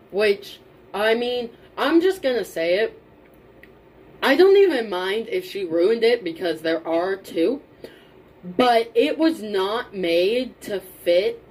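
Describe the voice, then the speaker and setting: A woman's voice: medium pitch, slow pace, poor audio. A young woman co-hosting a podcast in casual chat, talking informally and emphatically, often repeating herself for stress. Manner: informal, emphatic repetition, mild swearing. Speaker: podcast co-host. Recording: steady background noise and room ambience.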